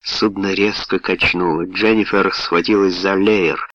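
Low-voiced male audiobook narrator. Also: steady tone, unhurried, fairly bright tone. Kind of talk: scripted first-person narration. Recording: dull, dry lo-fi recording.

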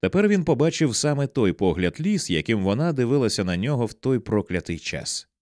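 A man reading an audiobook in a dramatic, expressive way. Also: medium pitch, a little fast, no room sound, clean studio sound. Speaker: audiobook narrator. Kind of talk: audiobook narration.

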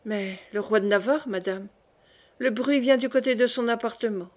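A timid young lady-in-waiting pleads anxiously, as a woman reading a novel aloud gives her voice. The voice is fairly high. She sounds frightened and unsure. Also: normal speed, lightly acted.

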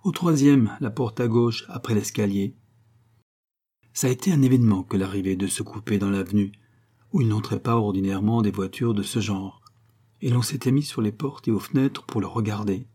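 Male audiobook reader, dark mellow tone, husky, measured novel reading. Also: on the low side. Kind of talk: novel read aloud.

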